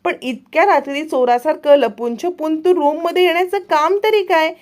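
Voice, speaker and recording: A woman's voice: high-pitched, normal speed, darkish tone, pitched above the performer's own voice, close to an everyday voice. A woman voicing a playful young man who teases and needles. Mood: teasing. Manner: teasing.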